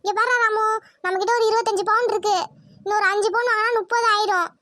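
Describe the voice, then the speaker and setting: A woman's voice: very high voice, fairly even intonation, fast, pushed and bright, no room sound, studio quality. Woman voicing a fretful, scolding cartoon mother. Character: anxious devout middle-aged mother, fiercely proud. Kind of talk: cartoon voice acting.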